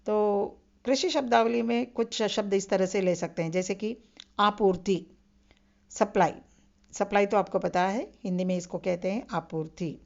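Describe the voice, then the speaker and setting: A woman teaching a vocabulary lesson, pacing herself patiently and going over each key term again. Her voice sits at a middle pitch. The recording sounds a little dull and lo-fi. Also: normal speed, vocal fry, darkish tone. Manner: patient, repeats key terms with reminders to remember. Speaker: Hindi lecturer. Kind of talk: recorded online lecture.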